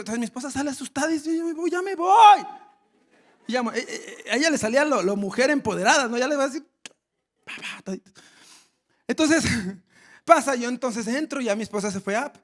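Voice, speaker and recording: A male pastor preaching a sermon, telling a funny story with lively acted shouts. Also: extremely high pitch. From Ecuador. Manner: storytelling with humor and animated shouts.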